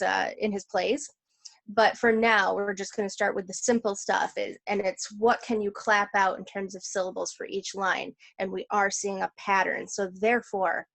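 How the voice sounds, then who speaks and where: A woman teacher explaining a poem to students in a clear, encouraging classroom manner. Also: mid-range voice, dry recording. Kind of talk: classroom lesson.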